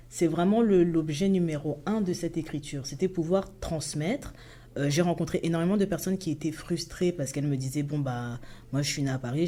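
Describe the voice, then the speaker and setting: A woman's voice: deep voice, dark tone. Earnest woman author on the radio. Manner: earnest, impassioned explaining. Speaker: author, studio guest. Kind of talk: radio interview.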